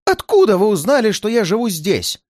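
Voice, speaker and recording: A reader voicing a hot-tempered, frightened male hotel guest who shouts indignantly in a high, strained voice, in a storybook reading. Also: wildly swooping pitch, brisk, dry recording, studio quality. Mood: agitated.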